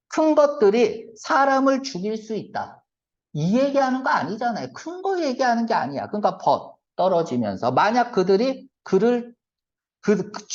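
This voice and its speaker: A male English reading teacher giving a brisk exam-prep lecture, firing quick rhetorical check-questions at his students and switching between polite and blunt casual speech. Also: high-pitched, a little mellow. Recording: lo-fi lecture recording.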